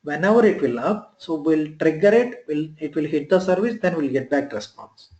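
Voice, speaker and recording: A man, recorded off an online class through screen capture, his voice a touch higher than most men's. The sound is roomy and echoey, as a laptop call tends to be. He teaches in halting, repeated phrases and keeps checking that his listeners follow. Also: animated, a little mellow, dull audio. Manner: halting, repeats himself, often checks "you are clear?". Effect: heard through a screen recording of an online class session. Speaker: software trainer. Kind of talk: live online training lecture.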